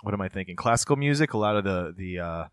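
A man's voice: low voice, lively intonation, quick pace, smooth, no room sound. A man in his thirties in casual chat, telling long meandering stories and explanations. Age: 30s.

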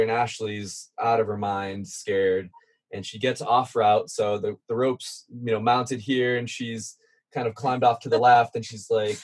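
Husky-voiced man telling a climbing story. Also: on the low side. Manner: chatty, self-deprecating, many fillers. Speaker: guest content creator. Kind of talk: casual storytelling interview.

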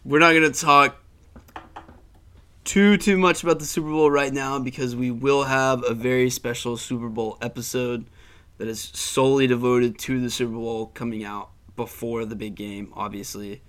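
A man's voice: medium pitch, steady tone, normal speed, clear, resonant tone. Young man hosting casual sports talk. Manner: profane, trailing off quietly. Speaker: podcast host.

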